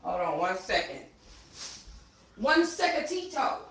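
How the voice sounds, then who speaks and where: Slow and sing-song, with a medium pitch, a woman reads aloud expressively during a phone livestream of her book club at home. She drops casual, slangy asides to her viewers, and the recording has a roomy echo.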